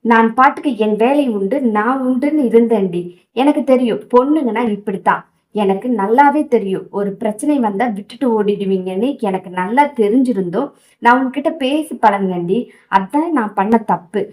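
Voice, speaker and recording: A woman's voice: on the high side, normal speed, darkish tone, natural voice. A woman reading a hurt angry young husband. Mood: bitter scolding. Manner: bitter, scolding.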